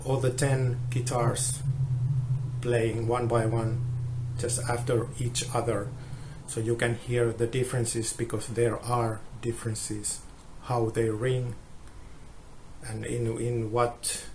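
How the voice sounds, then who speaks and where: A man testing guitars explains a measurement test on a low-quality phone recording with steady background noise. His delivery is flat and halting, and he frequently restarts his sentences.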